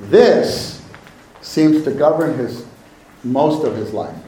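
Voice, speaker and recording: A man preaching a sermon at a pulpit microphone, slow and emphatic, often repeating his phrases. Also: mid-range voice, lively intonation, warm tone. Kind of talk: sermon to a congregation. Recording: echoey hall with faint room noise.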